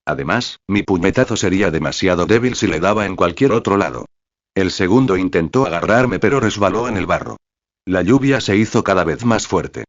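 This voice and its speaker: A man reads a first-person fan-fiction novel aloud in a very deep voice. His delivery is even and steady, and the recording is dry and slightly dull, with little treble. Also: fairly quick, no echo. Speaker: novel reader. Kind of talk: scripted first-person fanfic narration.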